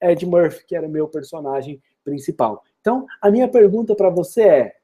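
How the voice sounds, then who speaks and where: A man with a Brazilian Portuguese accent teaching an online English lesson. He is energetic and encouraging and keeps asking rhetorical questions. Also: fairly high pitch, brisk, breathy edge.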